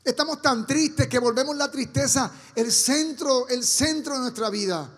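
High-voiced pastor preaching in a reverberant hall. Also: male voice, normal speed, breathy edge. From Caribbean. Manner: passionate preaching, rhetorical questions to the congregation. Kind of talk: sermon. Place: church.

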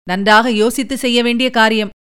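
A woman voicing a cautious, deliberate older male army chief who speaks in a measured way, weighing each point. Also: fairly high pitch, fairly even intonation, fairly bright tone, smooth, lightly acted. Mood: grave.

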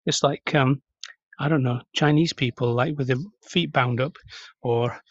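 A man's voice: mid-range voice, steady tone, unhurried, no room sound, muffled recording. Rambling man chewing gum. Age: adult, 30s or older. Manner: rambling, many fillers. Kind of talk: casual monologue.

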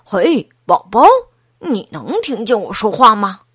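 A woman doing a young boy, loud, upbeat, storybook. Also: mid-range voice, big pitch swings, unhurried, slightly rough, no room sound, studio quality, exaggerated voice. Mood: bargaining. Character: young boy, friendly and bargaining.

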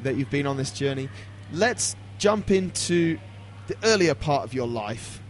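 A man's voice: medium pitch, expressive, a little slow, a little hiss or hum. A man hosting a podcast in casual chat, with jokey, matey banter. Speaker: podcast host.

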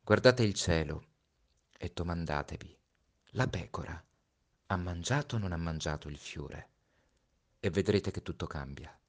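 A man reading a story aloud, slow and reflective with hushed pauses. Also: low-pitched. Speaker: storybook reader. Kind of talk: read-aloud story narration.

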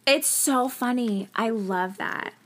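A woman co-hosting a podcast in a casual, animated chat, laughing often and acting out what people said. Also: a little high, takes it slowly, a little hiss or hum. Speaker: podcast co-host.

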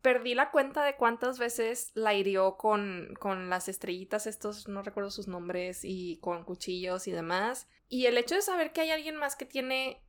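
A woman's voice: medium pitch, a little slow, hardly any pauses. A woman co-hosting a casual book discussion, chatty, laughing often and trailing off mid-thought. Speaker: book podcast co-host.

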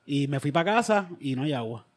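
A man, co-hosting a casual comedic chat and telling profane, animated stories. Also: a little high, brisk. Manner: profane, animated storyteller who slips into put-on accents. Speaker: podcast co-host.

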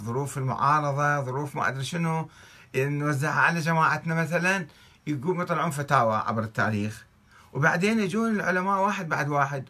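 Husky, forceful Iraqi male commentator, argumentative, reading and critiquing texts. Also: a little high. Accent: Iraqi Arabic. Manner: argumentative, fires off rhetorical questions. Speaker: religious commentator.

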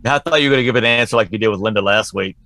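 Low, teasing podcast man. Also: rapid-fire, sharp tone. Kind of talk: casual chat.

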